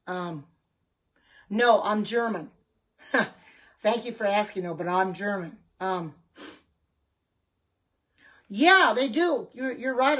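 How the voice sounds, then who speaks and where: A middle-aged woman from Oregon, a livestream host who sells kitchen products, reads viewer comments aloud and answers them in a relaxed, chatty way. Her voice is medium-pitched with a breathy edge.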